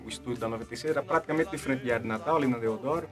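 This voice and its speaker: A man's voice: mid-range voice, very fast, fairly bright tone, soft background music. A middle-aged man telling a long story in casual chat, full of fillers and repeated words. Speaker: debate show guest.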